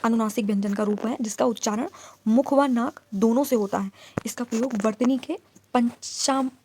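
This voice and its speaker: In this exam-prep grammar class, a woman with a slightly high voice and a darkish tone quizzes her students and answers her own questions. She also slowly lists out letter sounds. Some faint background noise is present.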